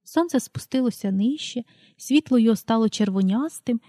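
A woman reading a children's story aloud in a calm, unhurried way, calling out page numbers as she goes. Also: on the high side, dry recording, clean studio sound. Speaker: audiobook reader.

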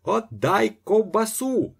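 A man voicing a brash young male swindler who shouts and jeers at someone he is chasing. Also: on the low side, big pitch swings, moderate pace, breathy edge, exaggerated voice. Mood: shouting. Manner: loud, jeering shouts.

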